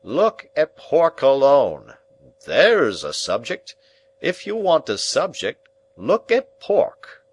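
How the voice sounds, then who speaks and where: A man voicing a pompous, blustering middle-aged man who lectures a boy in a loud, drawn-out, self-important way. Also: fairly high pitch, wildly swooping pitch, husky, pitched above the performer's own voice, heavily acted.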